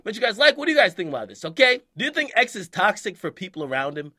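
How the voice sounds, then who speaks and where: Young male online commentator; high, piercing voice; slangy, animated, keeps checking in with "okay?". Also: fast talker. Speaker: hip-hop news commentator. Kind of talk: casual commentary to camera.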